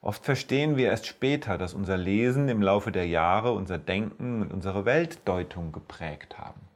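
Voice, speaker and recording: A middle-aged man teaching on a podcast, explaining and reading Bible passages aloud in a measured way. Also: lowish voice. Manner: measured, reads scripture aloud slowly. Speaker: theologian podcast speaker.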